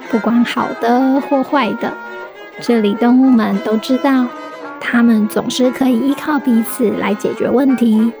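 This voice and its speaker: A woman with a Taiwanese Mandarin accent narrating a storybook for children, in a gentle, explanatory way. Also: a little high. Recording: music bed behind the voice. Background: soft background music.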